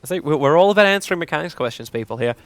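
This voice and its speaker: Young male esports caster, jokey on-air banter, very lively swinging pitch, a bit high, dry close sound. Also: very fast, no echo. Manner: animated, jokey, laughs often, self-deprecating. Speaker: esports commentator. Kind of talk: casual on-air banter between games.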